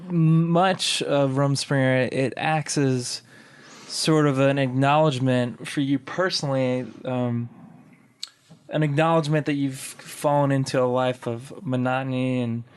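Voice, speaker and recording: A man hosts a podcast interview, putting his questions in a measured, deliberate way. His voice is smooth and clear, in a middle pitch. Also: steady tone. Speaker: podcast host.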